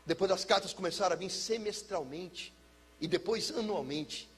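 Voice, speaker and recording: A middle-aged man from São Paulo, a pastor telling his personal testimony as a dramatic storyteller who drops low and soft for heavy moments. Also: moderate pace, breathy edge. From São Paulo, Brazil.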